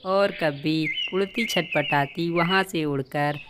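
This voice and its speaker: A woman narrating a children's cartoon story in a plain, steady way. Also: low-pitched, slow pace, background noise.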